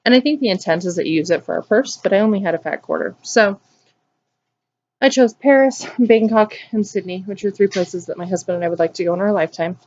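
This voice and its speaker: A woman's voice: mid-range voice, fast talker, darkish tone, highs cut off. A woman in her thirties chatting casually through a cross-stitch and sewing show-and-tell, upbeat and rambling with plenty of ums. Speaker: flosstube vlogger.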